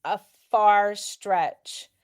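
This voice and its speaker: A woman's voice: medium pitch, fairly even intonation, drawn-out words, smooth. A woman co-hosting a podcast, agreeing with her partner and chiming in with her own questions in casual chat. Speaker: podcast co-host. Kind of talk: casual discussion of scripture.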